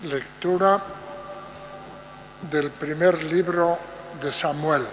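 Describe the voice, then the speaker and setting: An older man reading a Bible passage aloud from a church lectern, very slow and measured. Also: on the high side, fairly even intonation, soft background music. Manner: very slow, measured, deliberate phrasing. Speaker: lay reader. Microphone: lectern mic. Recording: roomy church echo, long reverb, faint mains hum.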